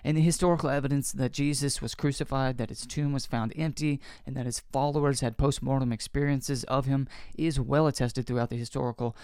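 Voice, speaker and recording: A man of middle pitch talks through an interview clip as the host of a commentary show. He argues his case earnestly and firmly. His voice is recorded close and dry, without any room echo. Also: darkish tone, clear, resonant tone. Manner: earnest, argumentative.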